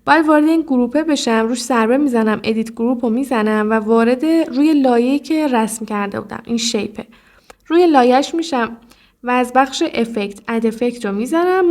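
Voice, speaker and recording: A woman's voice: a little high, a little mellow. A woman guiding viewers step by step through a mobile video editing app, talking to them directly. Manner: explanatory, addresses viewer directly, frequent "look". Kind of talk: step-by-step screen tutorial.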